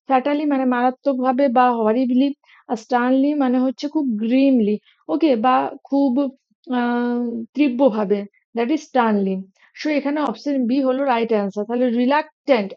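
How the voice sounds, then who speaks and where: A high-pitched woman teaches exam spelling. She spells each word out letter by letter and mixes English into the lesson. The recording is dull and lo-fi. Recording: dull lo-fi audio.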